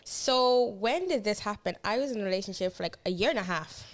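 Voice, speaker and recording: Young woman, twenties, fast slangy storyteller, co-hosting a chat podcast. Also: medium pitch. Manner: animated, swearing, slangy storytelling. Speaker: podcast co-host.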